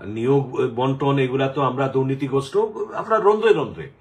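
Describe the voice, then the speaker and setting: A man's voice: mid-range voice, animated, fairly quick. A middle-aged man from the Sylhet region, chatting casually in a rambling way with many fillers. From Sylhet region, Bangladesh. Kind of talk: casual chat.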